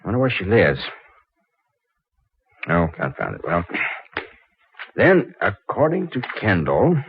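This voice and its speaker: A man's voice: lowish voice, wildly swooping pitch, slow pace, husky, exaggerated voice. An actor playing a brash, flustered young stranger in a 1940s radio drama, stammering and fumbling his words. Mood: musing. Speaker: out-of-town engineer visiting a library. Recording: dull old radio recording.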